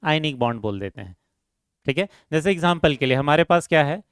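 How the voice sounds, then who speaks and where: The chemistry lecturer speaks fairly quickly and animatedly, his smooth, resonant voice a little high and fairly bright in tone. He fires questions at students, answers them himself, and keeps repeating key terms, all captured in a close, echo-free recording.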